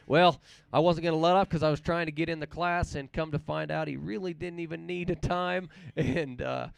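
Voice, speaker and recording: A man's voice: sits high, gravelly, clean tone, no echo. Folksy man calling a snowmobile race. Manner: reads race times slowly and repeats them; folksy, chatty storytelling between runs. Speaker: race announcer. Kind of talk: live play-by-play commentary.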